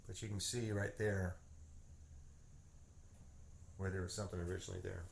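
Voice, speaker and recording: An urban explorer vlogger hosts an off-the-cuff walk-through of an abandoned house's empty rooms, pointing things out to viewers in open amazement. His deep, gravelly voice is flat in delivery and moves at normal speed, with roomy echo and light background noise.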